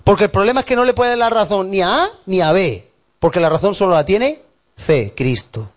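Male pastor, slightly high voice, animated sermon delivery with emphatic lists. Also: fairly quick.

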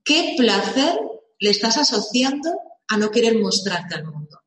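A woman's voice: a little high, big pitch swings, a little slow, a bit bright, slight background noise. A woman giving a motivational live talk, asking rhetorical questions and repeating words for emphasis. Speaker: live session speaker on visibility. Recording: roomy echo.

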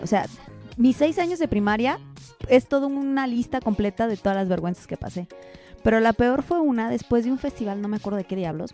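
A woman's voice: mid-range voice, dark tone. A woman with a Mexican accent telling a funny story on a radio show, acting out her mother's voice. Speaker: radio host.

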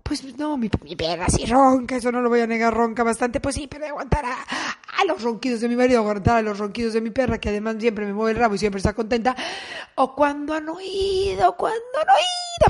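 Brief: middle-aged Mexican woman, high voice, salty stand-up chatter. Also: fast talker. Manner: crude, profane and chatty, addressing listeners directly. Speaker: comedian. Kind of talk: stand-up style comic monologue.

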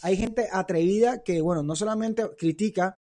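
A man's voice: high-pitched, moderate pace, dark tone. A man giving an informal sermon in a conversational way, stumbling and repeating words as he goes. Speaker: preacher.

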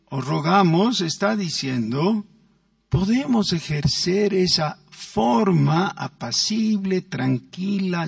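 A man's voice: sits high, creaky, breathy edge, dry recording, distant mic. A man preaching a sermon as pastor, stressing words and acting out quoted voices. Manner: emphatic, drawn-out words with acted quotes.

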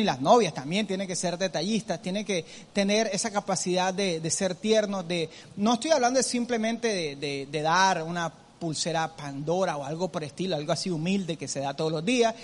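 A middle-aged man with a high-pitched voice delivers a sermon in a reverberant hall. He is lively and animated, slowing down to stress a phrase and acting out family members in quick asides. The long echo of the room trails behind his words. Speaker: preacher.

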